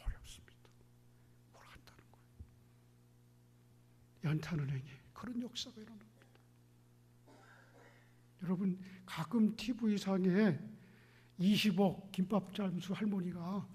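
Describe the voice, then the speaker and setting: A male pastor delivers an evening sermon in a fairly high, husky voice. He questions the congregation and answers his own questions. His delivery swings between hushed near-whispers and loud, ringing exclamations.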